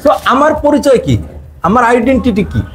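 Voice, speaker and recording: Man, Bangladeshi Bengali accent, seminar trainer, very high voice, lively melody, quizzes audience. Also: moderate pace. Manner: quizzes the audience, repeats his points, mixes in English phrases. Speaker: direct-selling business trainer. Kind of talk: live seminar talk to an audience.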